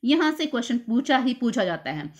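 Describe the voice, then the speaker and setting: Woman teacher repeating exam points, higher voice. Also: very animated. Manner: explains slowly, repeats key terms and quizzes herself. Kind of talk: exam-prep lecture.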